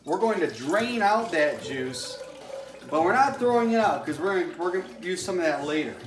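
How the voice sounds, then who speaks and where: A man's voice: sits high, expressive, moderate pace, music in the background. Man demonstrating home cooking. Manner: folksy, step-by-step explaining while stirring. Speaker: home cooking show host. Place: home kitchen indoors.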